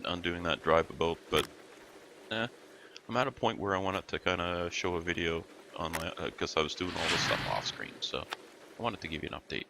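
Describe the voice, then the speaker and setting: A man with a gravelly early-morning voice gives casual commentary over a game he is playing, rambling and muttering to himself as he goes. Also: low voice, background noise. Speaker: let's play host.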